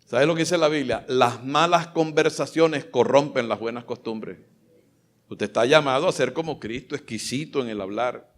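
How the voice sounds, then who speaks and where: A man preaching a sermon as pastor, fervent, swinging between loud exclamations and soft asides. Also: medium pitch, moderate pace.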